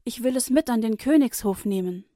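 A woman's voice: a little high, brisk, no echo, clean studio sound, natural voice. Woman playing a kind, commanding young princess. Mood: decisive. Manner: warm, decisive, imperious.

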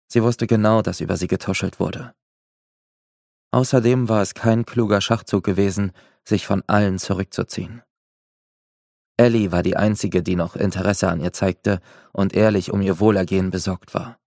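A man reading a first-person novel aloud in steady, measured audiobook narration. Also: on the low side, gravelly, no echo, studio quality.

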